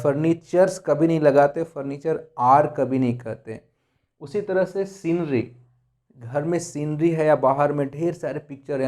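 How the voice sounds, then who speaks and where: A man teaches a grammar lesson in a fairly high, mellow voice with a soft, dark tone. He works through rules by listing examples one by one and keeps checking in with the class. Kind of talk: lecture explaining grammar rules.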